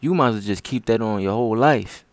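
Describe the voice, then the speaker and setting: A man's voice: lowish voice, quick pace, dry recording. A man hosting a comedy skit, talking in slang in a bossy, teasing way.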